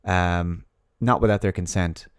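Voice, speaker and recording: A man's voice: low-pitched, steady tone, a little slow, smooth, no room sound, clean studio sound. A man giving a monologue commentary, reading out an article and mocking his opponents in sarcastic put-on voices.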